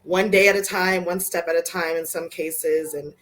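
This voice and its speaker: Earnest woman panelist, lower voice. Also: steady tone, moderate pace, a bit bright. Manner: earnest, plain-spoken, laughs often. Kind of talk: casual panel discussion.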